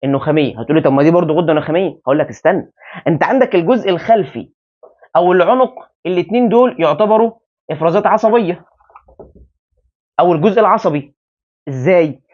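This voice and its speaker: A man with an Egyptian Arabic accent teaches biology in a rapid, high voice. He keeps firing rhetorical questions at his students and answering them himself. The recording sounds dull and lo-fi. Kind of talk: biology lesson at a whiteboard.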